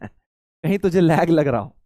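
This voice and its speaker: A man teaching maths in a live online class. He teases his students in a playful way and slows right down to spell out each step. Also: fairly high pitch, dark tone, no echo, studio quality. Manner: playful, teasing, calls students "beta".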